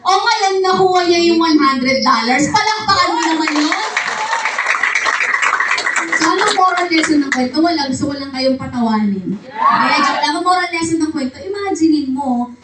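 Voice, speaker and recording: A woman speaks to an audience in an event hall, lively and animated, often throwing questions back at the crowd. Her voice is high. It comes from a distance in a reverberant room with loud noise throughout. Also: moderate pace. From Philippines. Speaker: business seminar speaker. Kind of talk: motivational seminar talk.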